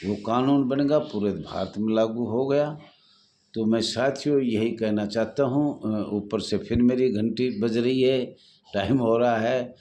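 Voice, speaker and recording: A man's voice: lowish voice, mellow. A man leading a home guard association, talking earnestly and repetitively to supporters in a live online talk over his phone.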